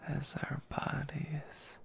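A man performs a whispered role-play as a tender, devoted boyfriend reading a love letter. His breathy whisper is extremely slow and heavily crackling with fry. The delivery stays very even from line to line. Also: on the high side. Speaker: ASMR boyfriend role-player.

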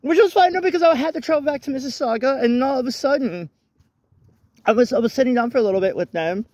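With an extremely high pitch and a quick pace, a young vlogger chats into the phone camera he holds while walking outside on a rainy night, rambling and frequently correcting himself. His tone is darkish, and there's no room sound.

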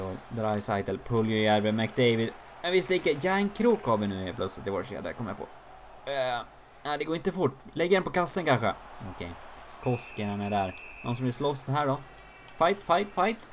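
A man giving casual commentary on his own hockey game, jumping high and loud during the plays. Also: slight background noise. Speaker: gaming YouTuber.

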